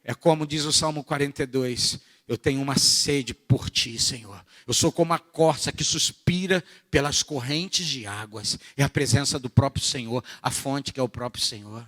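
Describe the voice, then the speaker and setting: A man from Brazil with a Rio de Janeiro accent preaching a sermon at a church retreat, animated and jokey, moving from soft asides to shouted bursts. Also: mid-range voice, normal speed, few pauses. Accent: Rio de Janeiro Portuguese. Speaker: pastor.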